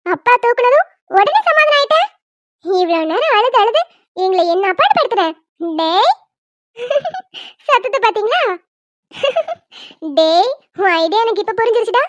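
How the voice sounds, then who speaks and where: A woman's voice: very high voice, very animated, normal speed, long pauses, no echo. A woman voicing a young doting aunt who coaxes a crying baby in sing-song baby talk. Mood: coaxing. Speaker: cartoon voice actor. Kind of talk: homemade cartoon dubbing.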